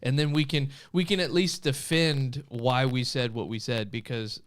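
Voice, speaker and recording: Smooth-voiced man telling a story. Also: medium pitch, moderate pace. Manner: animated storyteller, laughs often, acts out quotes. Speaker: podcast co-host. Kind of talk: casual chat, storytelling.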